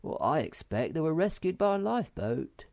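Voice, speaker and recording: Storybook role: gentle boy troll played by a woman, raised pitch, emphatic and easily worried. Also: sing-song, moderate pace, gravelly, no room sound, studio quality, heavily acted. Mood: uneasy. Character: earnest, protective young male troll, gentle and easily worried.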